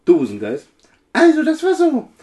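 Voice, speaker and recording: A woman's voice: sits high, huge pitch swings, normal speed, dark tone. A woman voicing a rude, boozy male genie who has lived in a can for centuries, in an amateur radio play reading. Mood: rambling. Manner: rude, grumbling, rambling.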